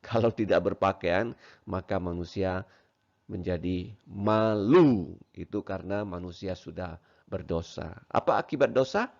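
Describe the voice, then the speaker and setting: A male teacher with a low, gravelly voice walks children through a Bible verse at a slow, patient pace. He explains it word by word and adds "ya" often. The recording is dull and lo-fi. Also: darkish tone.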